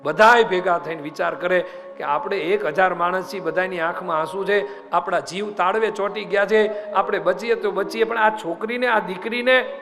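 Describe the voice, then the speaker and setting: A man's voice: high-pitched, fairly even intonation, moderate pace. A man giving a devotional sermon and telling a story dramatically, often speaking straight to his audience. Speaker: spiritual storyteller and preacher. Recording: live hall reverb with music underneath.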